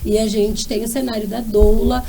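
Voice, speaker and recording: Mellow-voiced woman explaining calmly. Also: a little high, normal speed, slight background noise. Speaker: obstetric nurse guest. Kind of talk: casual chat, explaining.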